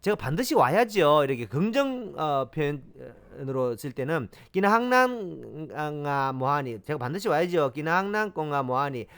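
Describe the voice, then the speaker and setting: A man's voice: fairly high pitch, very animated, unhurried, vocal fry, few pauses, fairly bright tone, clear, resonant tone. A man hosting a homemade language lesson, drilling phrases aloud and explaining words with frequent fillers and repetition. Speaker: language teacher. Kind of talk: lively self-made language lesson.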